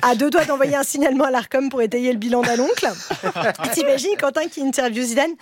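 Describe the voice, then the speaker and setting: A woman's voice: sits high, quick pace. A woman from Lorraine, France, delivering a scripted comic radio column with mocking, self-deprecating punchlines.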